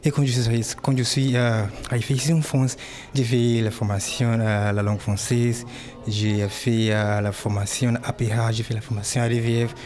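A man's voice: mid-range voice, little pitch movement, normal speed, soft background music. A man from Nigeria, answering interview questions in learner French with many hesitations and fillers. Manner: hesitant, many fillers, warming up when describing dreams. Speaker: interviewee, dancer and exhibition participant.

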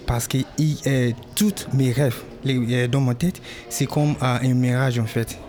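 A man's voice: mid-range voice, fairly even intonation, unhurried. A man from Nigeria, answering interview questions in learner French with many hesitations and fillers. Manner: hesitant, many fillers, warming up when describing dreams. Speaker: interviewee, dancer and exhibition participant.

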